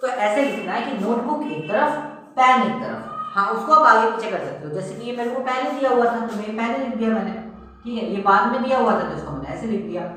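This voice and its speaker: A man's voice: sits high, animated, a little fast, bright, forceful tone, distant mic, a little hiss or hum. A man teaching maths, explaining step by step and asking his students questions that he then answers himself. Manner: asks the class questions and answers them himself, repeats "okay" and "simple thing". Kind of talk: explaining a whiteboard lesson. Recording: very echoey room, voice from off the mic.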